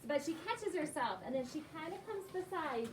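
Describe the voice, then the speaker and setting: A primary school teacher with a high voice and lively intonation leads an interactive read-aloud with children at a normal speed. She asks questions, then repeats and affirms their answers. The distant classroom microphone makes it sound roomy and noisy.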